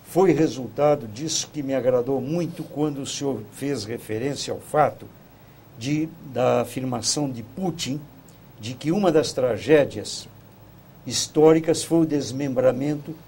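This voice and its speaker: A man speaking as a guest commentator in a talk show debate, measured and formal. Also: medium pitch, darkish tone, a little hiss or hum.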